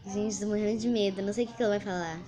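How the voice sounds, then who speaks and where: A woman's voice: medium pitch, fairly even intonation, racing, crowd noise. A woman from Brazil vlogging casually, chatting straight to her viewers with lots of fillers while pranking a friend.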